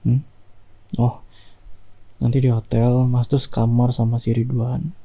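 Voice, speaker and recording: Whispered role-play, a man as loving husband, warm dark tone, breathy, soft intimate teasing. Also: mid-range voice, level tone, a little slow. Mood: soft, soothing. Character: affectionate young husband soothing his clingy wife. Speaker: ASMR performer. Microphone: binaural mic.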